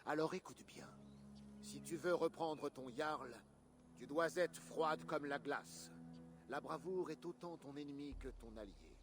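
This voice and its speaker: A man's voice: a little high, a little slow, music in the background, lightly acted. An actor voicing a stern, proud male Viking king in a dubbed video game, speaking with a commanding, scolding manner. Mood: stern counsel. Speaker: war leader.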